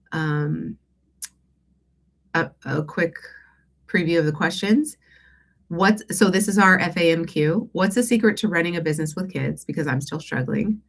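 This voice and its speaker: A low-voiced woman, stuffy and congested from allergies, leads a casual live Q&A coaching session as a life and business coach. She speaks conversationally and a bit hesitantly, frequently checking in with her listeners.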